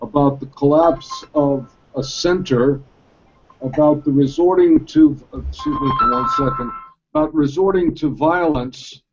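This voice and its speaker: A man speaking as a historian guest in a panel discussion, measured and with a dry humor. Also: a little high, mellow, dull audio.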